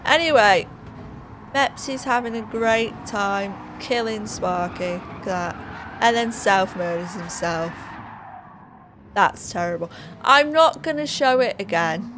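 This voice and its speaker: A woman's voice: mid-range voice, slow pace, pauses often, noisy background. A woman hosting her channel, giving casual sim-race commentary with playful, self-mocking asides.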